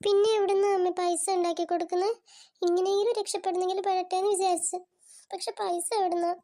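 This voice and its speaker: Performer doing a teary young cartoon daughter, slow pleading, very high voice. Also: little pitch movement, mellow. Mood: tearful. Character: young married daughter, tearful and worried. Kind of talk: cartoon voice acting.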